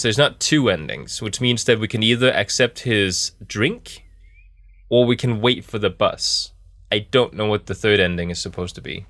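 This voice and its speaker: A man's voice: medium pitch, fairly bright tone, no room sound. A man giving casual, joking game commentary, thinking aloud in a laid-back, rambling way as he streams. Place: small office in a camper.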